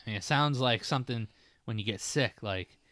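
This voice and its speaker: A man in his thirties co-hosting a casual podcast, easygoing and quick to laugh as he guesses the meanings. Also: medium pitch, a bit bright, no echo. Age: 30s. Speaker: podcast co-host.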